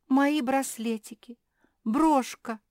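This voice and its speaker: Woman doing a fussy wailing girl, high and loud, dry close sound. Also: takes it slowly, no echo. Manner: wailing, scolding.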